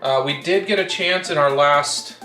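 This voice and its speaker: A man's voice: fairly high pitch, moderate pace, bright, forceful tone. A man co-hosting a casual home cooking video, easygoing and rambling with fillers. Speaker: co-host. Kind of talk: casual chat. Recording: roomy echo, light music.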